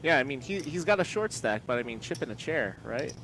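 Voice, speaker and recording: A male poker commentator calling a final table live. He talks in a halting, searching way, stopping and restarting his sentences at a middling pitch. Faint room ambience sits behind him. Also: expressive, noisy background. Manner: halting, with many fillers and restarts.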